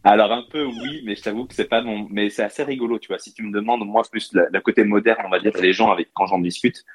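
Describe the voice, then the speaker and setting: A man's voice: lowish voice, fairly even intonation, quick pace, slightly rough. A man from France, a startup co-founder, chatting casually as an interview guest, with lots of restarts and fillers. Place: London.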